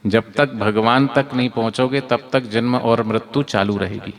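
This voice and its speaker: A man's voice: mid-range voice, steady tone, normal speed. A male preacher from Madhya Pradesh giving a devotional sermon, telling stories and asking the audience rhetorical questions.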